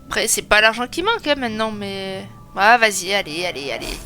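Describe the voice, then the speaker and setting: A woman's voice: mid-range voice, lively intonation, brisk, sharp tone. A woman giving chatty, self-mocking let's play commentary, thinking aloud as she plays. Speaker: gaming streamer. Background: game music.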